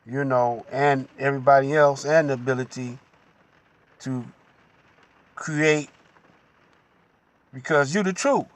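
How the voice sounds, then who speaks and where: A man giving a slow, unhurried religious teaching monologue as the host, pausing often and adding "you know.". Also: mid-range voice.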